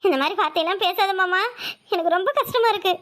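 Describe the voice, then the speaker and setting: A woman's voice: very high voice, quick pace, fairly bright tone. A woman with a Tirunelveli Tamil accent voicing a hurt young wife who reproaches and pleads with her husband in a cartoon. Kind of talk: cartoon voice acting.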